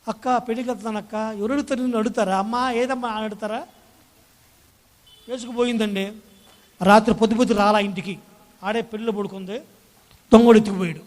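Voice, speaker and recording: A man with a high, ringing voice preaches a lively Sunday sermon, calling out hallelujahs and acting out quarrelling spouses. His words trail off into the long reverb of a church hall. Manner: animated preaching, calls Praise the Lord and hallelujah to the congregation; acts out quoted spouses in everyday scenes. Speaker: pastor.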